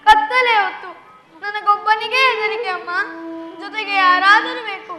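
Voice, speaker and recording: A woman's voice: very high-pitched, steady tone, moderate pace, pushed and bright. A woman playing the timid young boy Gopala in a stage play, speaking in an earnest, childlike, pleading way. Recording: echoey hall with music.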